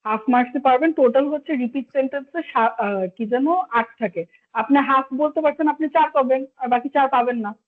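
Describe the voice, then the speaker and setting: A high-voiced woman from Bangladesh leads an online exam-prep class, explaining patiently and apologizing when she must say no. Her voice comes through a thin, phone-like call line. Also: a little fast. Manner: polite, apologetic, explains step by step, mixes in English. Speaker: PTE instructor. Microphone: video call.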